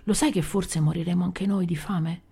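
A woman voicing a hungry nine-year-old boy, bitter and defiant, speaking in a hushed, often whispered voice in a storybook reading. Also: lowish voice, steady tone, normal speed, vocal fry, husky, full character voice.

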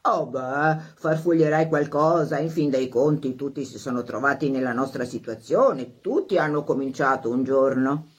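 Lady reading as a laid-back middle-aged husband, lowish and flat, brushing things off. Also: normal speed, few pauses, breathy edge. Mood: dismissive. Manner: low, level, dismissive.

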